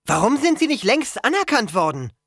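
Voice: mid-range voice, very animated, moderate pace, fairly bright tone, no room sound, studio quality, pitched above the performer's own voice. An audiobook reader voicing Will, an eager teenage boy with a bow who asks urgent questions.

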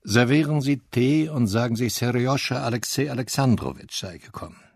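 A man voicing a lively young noblewoman who talks fast and too much, brightly, to hide her nerves, in a storybook reading. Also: mid-range voice, vocal fry, no echo, clean studio sound, voice pushed up. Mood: nervous bright.

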